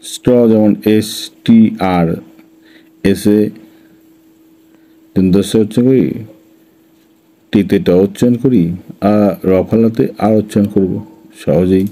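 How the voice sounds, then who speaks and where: A man teaching an English phonics lesson, spelling out letters one by one and then sounding each syllable slowly. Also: lowish voice, dark tone, rough recording.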